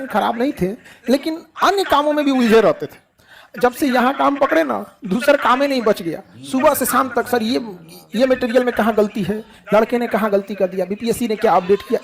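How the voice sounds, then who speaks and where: A man's voice: extremely high pitch, gravelly. A middle-aged man with a Bihari Hindi accent, giving students folksy advice in a classroom lecture and answering his own questions. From Bihar, India. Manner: asks the class questions and answers them himself; folksy, joking, colloquial. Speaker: teacher.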